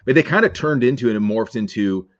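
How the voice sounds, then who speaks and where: A man's voice: medium pitch, animated, quick pace, no room sound, muffled recording. A man talking as a podcast guest in a casual interview, earnest and laid-back with many fillers.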